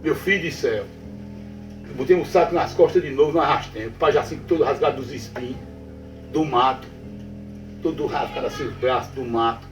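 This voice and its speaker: A man with a medium-pitched voice talks a little fast but leaves long pauses as he tells a ghost story. He's from the Northeastern Brazilian backlands, has the accent to match, and narrates it as a folk tale for a listener, repeating phrases and frequently checking they're following. Faint music plays, and the distant mic makes it sound roomy.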